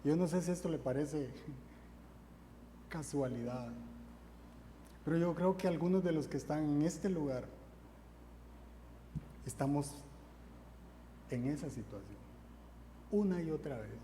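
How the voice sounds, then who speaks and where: A man's voice: a little high, unhurried, long pauses, warm tone. A man preaching a sermon, fervent and repetitive, driving his points home with refrains. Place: church hall. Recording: echoey hall, faint ambient noise.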